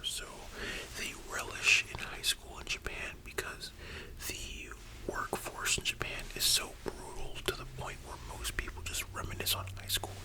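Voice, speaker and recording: A soft, breathy library whisper carries this ASMR whispered role-play. The speaker plays a librarian and rambles informally through personal opinions, staying almost entirely unvoiced. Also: rough recording. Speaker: ASMR performer.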